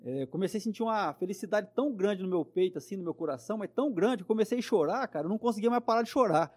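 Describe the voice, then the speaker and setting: A man's voice: high voice, animated, rapid-fire, a little mellow, dry recording. A man, a guest telling his own story with earnest fervor and frequent tag questions. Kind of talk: personal testimony in conversation.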